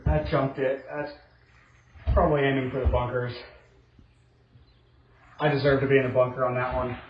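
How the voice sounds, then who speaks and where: In an indoor home golf simulator room, a middle-aged man narrates his own round like a casual commentator, low-key and self-critical. His medium-pitched voice echoes in the roomy space, sounding a little dull with faint background noise.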